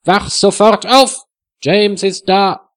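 A man voicing a flustered middle-aged hostess in a storybook reading, lifting his voice high and sounding fussy and short of breath. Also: measured pace, close to an everyday voice. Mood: exasperated.

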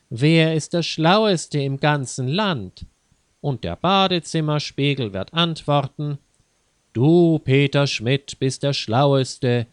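A man's voice: mid-range voice, clean tone, no room sound, studio quality, natural voice. A man voicing a playful young girl who teases her brother, in a mocking sing-song way.

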